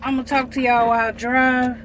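A woman's voice: high voice, flat delivery, fairly quick, fairly bright tone. An American woman in her thirties with slightly slushy, toothless articulation from leaving her dentures out, chatting casually and candidly to viewers in a folksy way while driving. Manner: folksy, candid, often addressing viewers as y'all. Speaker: vlogger, stay-at-home mother. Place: inside a car while driving. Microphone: phone clipped in the car. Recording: noisy car interior, road noise.

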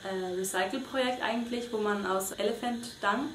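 Recorded in a small indoor bedroom with echo and faint noise, a young Swiss woman volunteering as an interviewee answers questions casually. Her medium-pitched, slightly bright voice moves at a moderate pace, full of hesitation, fillers and restarts.

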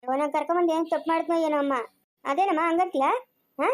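A woman's voice: very high-pitched, racing. A woman acting a fretful, quarrelsome village woman in a homemade family drama, speaking with a rural Chikkaballapur Kannada accent and scolding, exclaiming and repeating her questions.

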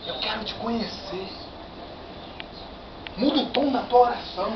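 A middle-aged man giving a fervent lay sermon in a workplace meeting room, animated and pacing, shouting at the peaks, filmed by a far-off camera. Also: high-pitched, normal speed. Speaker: lay preacher. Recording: echoey, distant, dull lo-fi with noise.

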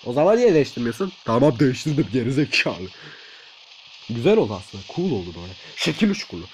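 A young man hosting his gaming channel, giving excitable let's-play commentary, swearing, pleading and shouting at the game. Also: mid-range voice, fast talker, a little hiss or hum, low-quality recording.

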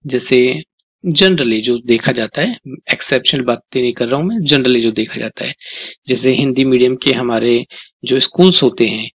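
A man with an Indian accent teaching spoken English, slowly drilling phrases for the viewer to repeat and often checking in with the listener. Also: medium pitch, fairly bright tone, breathy edge, no room sound, low-quality recording. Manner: coaxing, checks in with "ठीक है?". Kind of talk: Hindi-English language lesson.

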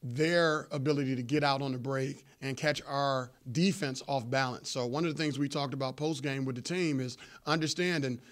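A man in his forties, a head coach answering postgame press questions in a measured, explanatory way with frequent fillers, seated at a table microphone in a press room. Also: medium pitch, fairly even intonation. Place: press room before a sponsor backdrop. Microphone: table microphone in front of him.

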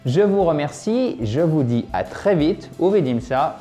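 Mellow-voiced man teaching a language lesson. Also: a little high, big pitch swings, soft background music. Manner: patient, repeats words slowly, checks in often. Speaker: Russian teacher.

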